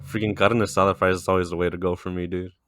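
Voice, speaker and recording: A man's voice: sits low, little pitch movement, quick pace, a bit bright, no echo, clean studio sound. A tipsy man co-hosting a podcast, teasing his friends in playful, slangy banter. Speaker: podcast co-host.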